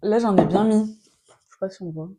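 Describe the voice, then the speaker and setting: A woman's voice: medium pitch, moderate pace, warm tone. A woman chatting casually in slangy, repetitive bursts during a challenge, her mouth tingling from spicy hot sauce.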